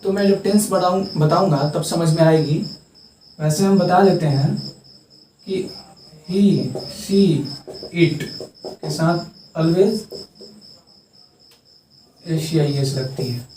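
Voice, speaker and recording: A young man teaching English grammar as a tutor, repeating terms slowly and stressing how they are pronounced. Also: a little high, dark tone, slight background noise. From India. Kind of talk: classroom lesson at a board. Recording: echoey room, distant mic, faint crickets.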